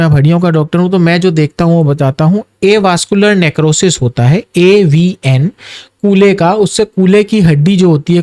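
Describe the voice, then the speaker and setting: An orthopedic surgeon speaks in a measured, advising way, with a voice set a little high for a man. He drops into his explanations as an interview guest. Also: a little mellow. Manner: measured, advising, mixes English phrases.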